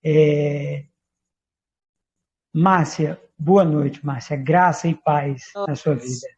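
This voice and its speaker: A man's voice: a little high, steady tone, drawn-out words. A man with a Brazilian Portuguese accent, preaching as an apostle, praying fervently and repeating "Father" and "Lord" between phrases. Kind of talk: sermon with prayer. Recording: dull lo-fi livestream audio.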